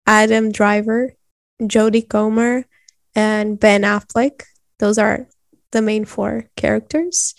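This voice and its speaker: A woman co-hosting a podcast in casual chat, chatty and quick with asides, laughing often. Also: on the high side, no echo. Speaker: podcast co-host.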